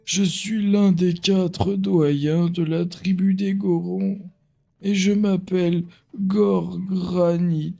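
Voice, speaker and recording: Man putting on a slow, very old man. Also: high-pitched, little pitch movement, gravelly, mellow, faint music behind, pitched above the performer's own voice, exaggerated voice. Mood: solemn, pleading. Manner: slow, solemn very old man's delivery. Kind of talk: voicing video game dialogue.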